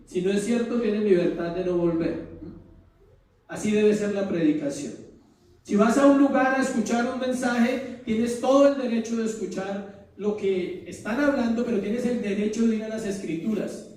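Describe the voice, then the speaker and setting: A male pastor preaches in a high, mellow voice, pausing to ask the congregation questions. The sound is very echoey, picked up from far off in a church room. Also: steady tone. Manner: rhetorical questions to the congregation, dramatic pauses. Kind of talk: sermon. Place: church hall.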